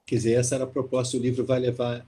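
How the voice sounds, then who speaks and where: Husky-voiced man teaching a lively class. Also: medium pitch, very fast. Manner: lively, talkative, exclaims and asks rhetorical questions. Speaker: literature teacher leading a course. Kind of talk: casual online class lecture.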